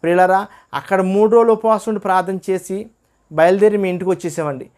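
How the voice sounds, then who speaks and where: A man's voice: high voice, steady tone, quick pace, darkish tone, clear, resonant tone. Earnest man giving a testimony. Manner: earnest storytelling, acts out quoted dialogue. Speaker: testimony speaker. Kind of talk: personal religious testimony.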